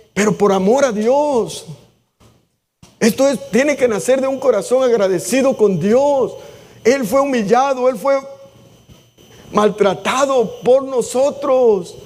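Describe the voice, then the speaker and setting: A man preaches to his congregation in a strikingly high voice. He pleads and exhorts, dropping into spoken prayers. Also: a little mellow. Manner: impassioned preaching, acts out prayers. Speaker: pastor. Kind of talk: sermon. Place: church.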